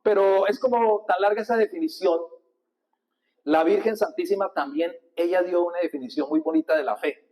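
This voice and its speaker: A male priest giving a lively sermon with a handheld mic, coaching the congregation to repeat verses and gestures. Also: sits high, moderate pace, creaky, rough recording. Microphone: handheld microphone.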